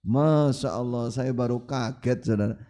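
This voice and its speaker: A man's voice: mid-range voice, measured pace, dark tone. A male preacher, giving a sermon in an emphatic storytelling manner. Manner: emphatic, storytelling with rising and falling delivery.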